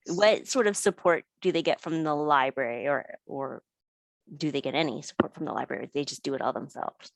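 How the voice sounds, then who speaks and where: A woman with a gravelly, somewhat low voice moderates a webinar Q&A over a video call. She puts questions in a brisk, friendly way, and the sound is dry and close. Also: no echo.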